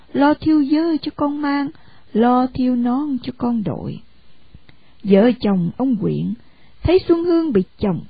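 A woman narrates a storybook in an expressive, animated reading. Her high voice has a gravelly rasp and swings widely in pitch. The sound is dry and dull, like a lo-fi recording. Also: no echo.

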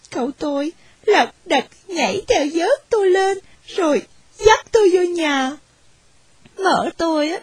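A woman's voice: very high-pitched, a little mellow, no room sound. A woman voicing a poor, wronged young orphan woman who tells her story tearfully, in a storybook reading.

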